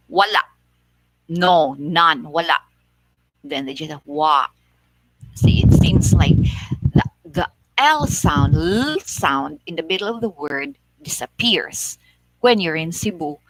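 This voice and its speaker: Filipina woman vlogging, talks real slow, dry close sound, repeats herself a lot. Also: lowish voice, fairly bright tone, no room sound, poor audio. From Philippines, Negros Oriental. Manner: slow, measured explaining with frequent "like" and repetitions. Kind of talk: casual explanatory talk.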